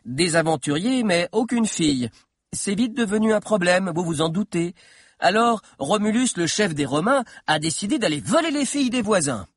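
A man's voice: sits high, lively intonation, normal speed, breathy edge, no room sound, studio quality, pitched above the performer's own voice. A man voicing a timid, bespectacled teenage boy historian who lectures nervously, in an audiobook. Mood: storytelling. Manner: nervous lecturing storyteller, growing bolder. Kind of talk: audiobook character voice.

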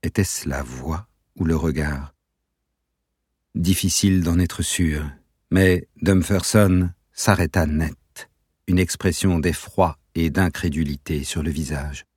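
A man narrating a novel aloud in a measured, even storytelling manner. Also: very deep voice, breathy edge, no room sound, clean studio sound. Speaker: audiobook narrator. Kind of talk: scripted narration.

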